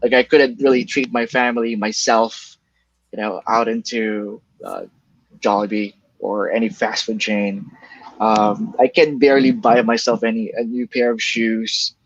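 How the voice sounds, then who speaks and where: This guest is an email copywriter from the Philippines, a native Bicol speaker with a Filipino accent, answering interview questions casually about his work. His voice sits on the low side with a level tone, and he halts often, restarting sentences, using fillers, and laughing lightly. It's a dull, lo-fi recording, close and dry with no room echo.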